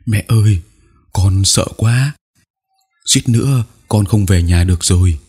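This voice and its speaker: A man's voice: medium pitch, lively intonation, unhurried, a little mellow, slightly rough, pitched above the performer's own voice. A man voicing a frightened young schoolchild who stammers and pleads. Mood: pleading.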